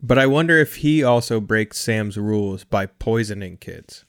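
A man's voice: lowish voice, moderate pace, fairly bright tone, clean tone. A man co-hosting a podcast, chatting casually and enthusiastically about a horror film. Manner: enthusiastic, joking. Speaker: podcast co-host. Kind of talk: casual movie discussion.

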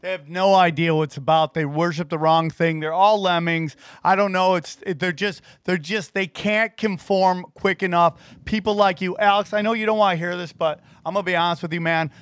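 A man's voice: sits high, steady tone, fairly quick, hardly any pauses, a bit bright, no echo. A man hosting an interview in a casual, informal and earnest way. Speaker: show host and interviewer.

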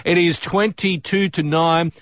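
A middle-aged Australian man presenting commercial radio in a dry, close studio sound. His voice sits a little high for a man, and he talks in a chummy, blokey way with upbeat patter and casual banter. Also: steady tone, unhurried, a bit bright, no echo. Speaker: radio breakfast host. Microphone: close studio microphone.

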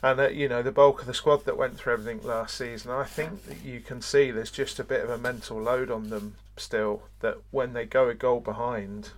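Man, thoughtful deadpan co-host. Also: mid-range voice, a little fast, few pauses, slight background noise. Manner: deadpan joking, thoughtful hesitant analysis. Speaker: podcast co-host. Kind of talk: casual football analysis chat. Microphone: remote call.

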